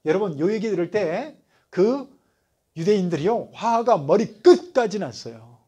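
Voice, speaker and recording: A man with a high, husky voice teaches a Bible study as a pastor. His pitch rises and falls all over the place, and he talks conversationally, constantly checking in with his listeners through questions. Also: lively intonation, unhurried, warm tone.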